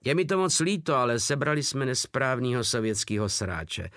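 A man's voice: medium pitch, very animated, a bit bright, no room sound, clean studio sound, pitched above the performer's own voice. A man voicing a cocky male veteran soldier who makes crude threats. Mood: threatening.

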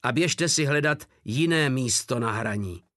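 A man's voice: mid-range voice, animated, a bit bright, no echo, natural voice. Guy doing a stern old soldier, terse and dry. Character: older male soldier, calm, stern veteran.

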